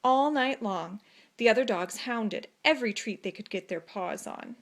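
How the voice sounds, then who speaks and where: A woman narrating a children's story expressively, with deliberate phrasing and dramatic pauses. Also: fairly high pitch. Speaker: storybook reader.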